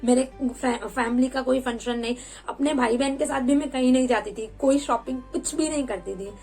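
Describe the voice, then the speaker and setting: A woman's voice: high voice, fairly quick, gravelly, darkish tone, husky, soft background music, low-quality recording. A woman in her twenties telling a personal story in a candid, chatty way, with English words mixed into her talk. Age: 20s. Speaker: vlogger.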